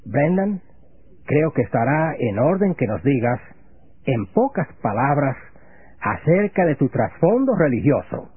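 A man hosting a religious radio program, asking questions in a formal, measured and reverent manner. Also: medium pitch, sing-song, husky, no echo. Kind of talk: scripted religious radio interview. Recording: phone-like lo-fi radio broadcast.

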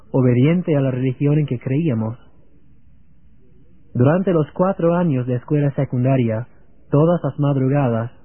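Young man, guest, earnest testimony, slightly high, husky, phone-like radio sound. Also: no room sound. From Virginia, United States. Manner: earnest, steady, read-aloud. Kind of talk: read religious testimony.

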